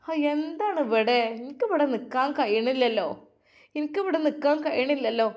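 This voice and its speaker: A woman's voice: high-pitched, lively intonation, normal speed. A woman voicing a scornful, spiteful woman who sneers and complains.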